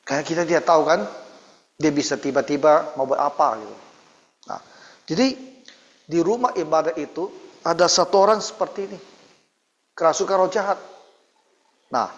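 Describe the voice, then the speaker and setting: Guy w a teaching bible study, kinda high voice, dull recording w long hall echo. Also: normal speed, pauses often. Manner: animated storyteller, quizzing listeners. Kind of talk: Bible lesson. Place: church hall.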